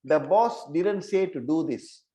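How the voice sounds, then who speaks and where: A man's voice: on the high side, lively intonation, measured pace, warm tone, a little hiss or hum, low-quality recording. A man teaching an online insurance training session, repeating key points and checking that listeners follow.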